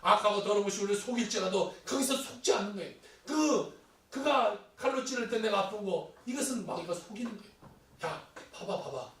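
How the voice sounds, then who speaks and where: A male pastor delivers a sermon in a noticeably high voice, slipping into acted voices as he tells a story. He sounds set back from the microphone, and his words ring through an echoey church hall. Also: a little fast. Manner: animated storytelling, acting out quoted voices. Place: church sanctuary. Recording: echoey hall, distant mic.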